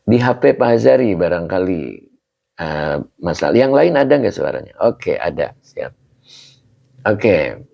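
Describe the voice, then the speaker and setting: A man's voice: low-pitched, big pitch swings, measured pace, gravelly, pauses often. A man teaching a religious text class over a video call, greeting students by name and explaining patiently. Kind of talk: online kitab class. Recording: dull lo-fi call audio.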